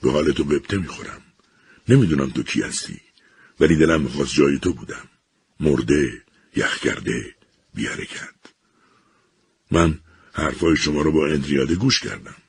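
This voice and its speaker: A man voicing a lonely, bitter sentient machine that speaks slowly and gravely. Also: rumbling low, dry recording, exaggerated voice. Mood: lonely, brooding.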